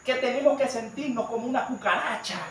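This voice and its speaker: A man's voice: very high voice, a little fast, fairly bright tone. A man preaching an informal Bible study sermon, talking emphatically and straight to his congregation. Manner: emphatic, conversational, addresses the congregation directly. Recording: echoey room, mic at a distance, light noise.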